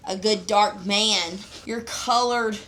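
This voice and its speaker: A woman's voice: medium pitch, fairly even intonation, slow pace, a bit bright, slight background noise. A drunk woman of about thirty chatting casually, blunt, profane and rambling. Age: around 30. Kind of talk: casual chat.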